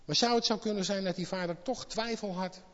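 A man preaching a sermon in speech, impassioned and swinging from quiet asides to loud exclamations. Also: high voice, brisk. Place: church hall. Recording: lo-fi with long hall reverb.

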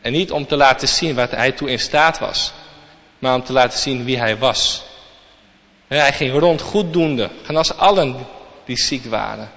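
Delivering a sermon, a male preacher reads from scripture before unpacking its meaning for the congregation. He speaks unhurriedly in a medium-pitched, slightly bright voice, captured in a lo-fi recording that sounds dull and has long reverb.

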